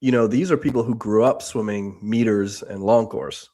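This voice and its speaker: Low-voiced man from the Bahamas. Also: steady tone, normal speed, warm tone. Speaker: podcast co-host. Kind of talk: casual sports chat.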